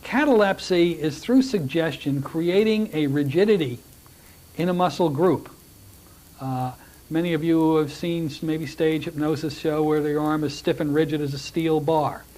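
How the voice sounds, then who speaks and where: A middle-aged man with a slightly raised voice lectures a hypnosis class in a relaxed, joking way. He talks straight to the students, often restarting his sentences. The sound is from a plain classroom. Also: fairly high pitch, normal speed. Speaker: hypnosis instructor.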